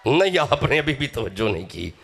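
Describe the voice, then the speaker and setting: A man's voice: mid-range voice, very animated, vocal fry, a bit bright, a little hiss or hum. A man from Pakistan with a Punjabi accent, preaching an emotional sermon, dramatic and urging his audience to respond.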